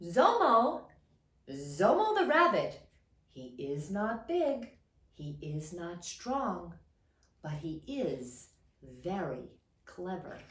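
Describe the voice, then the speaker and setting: In an echoing room, a little away from the mic, a woman narrates a children's trickster tale. She is dramatic and expressive, with a lively, swooping pitch and an unhurried pace. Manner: dramatic, expressive storytelling with deliberate emphasis. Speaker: storyteller reading a picture book. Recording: roomy echo, mic at a distance.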